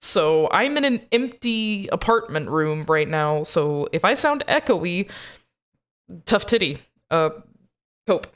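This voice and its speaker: A woman's voice: lowish voice, very animated, slow pace, clear, resonant tone. A tired woman hosting a tabletop game stream in casual chat, blunt and crude, recorded on a poor mic in an echoey empty apartment room. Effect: echoey sound of an empty apartment room. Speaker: host. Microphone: poor home streaming mic.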